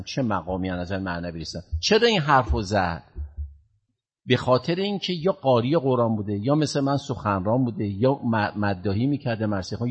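A man giving a sermon, telling a story in a lively way, rising loud and dropping low. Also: slightly rough. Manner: animated, swings from loud to hushed. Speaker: preacher. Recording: dull lo-fi sound.

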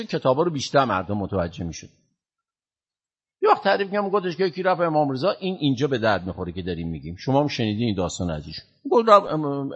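Husky-voiced man preaching with loud swings. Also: mid-range voice. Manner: animated, swings from loud to hushed. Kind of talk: sermon with storytelling. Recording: dull lo-fi sound.

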